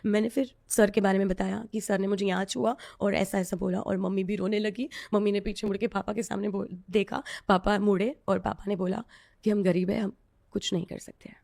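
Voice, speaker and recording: A woman's voice: mid-range voice, level tone, fairly quick, vocal fry, a little mellow. A woman telling a personal story as a podcast guest, earnest and confiding. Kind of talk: personal story told in an interview.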